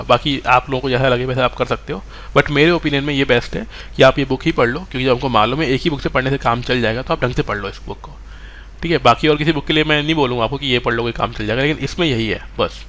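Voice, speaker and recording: A man's voice: fairly high pitch, a bit bright. A man teaching a live online exam-prep class, mixing English terms into Hindi and often checking that students follow.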